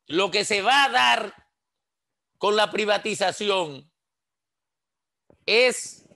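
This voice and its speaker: A gravelly, high, bright voice carries forceful political commentary from a Dominican man in his sixties, a radio panelist calling in by headset from a small indoor room. He is emphatic and impassioned, gesturing and posing one rhetorical question after another.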